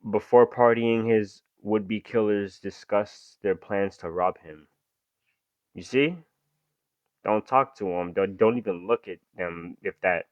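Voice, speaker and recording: A man's voice: on the low side, slow, no echo, muffled recording. A young man, reading true-crime text aloud and breaking off into casual slangy reactions. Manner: reads story aloud, then breaks off into slangy asides. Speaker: reaction video host.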